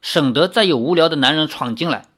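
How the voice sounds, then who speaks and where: A man's voice: a little high, fairly quick, fairly bright tone, slightly rough. A man voicing a cold, curt woman who is secretly a toad demon, in a read-aloud novel. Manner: icy, curt.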